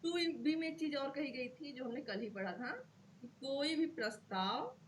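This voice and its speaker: Higher-voiced woman teaching law. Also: moderate pace, slight background noise. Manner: checks in often with "okay", repeats key terms. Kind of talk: explanatory lecture to students.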